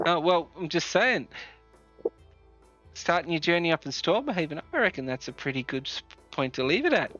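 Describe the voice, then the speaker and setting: A man running a tabletop game, chatting with his players in a bright, somewhat high voice. He is relaxed and jokey, with casual swearing, heard on a dry, slightly dull recording with faint music underneath. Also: moderate pace. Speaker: game master.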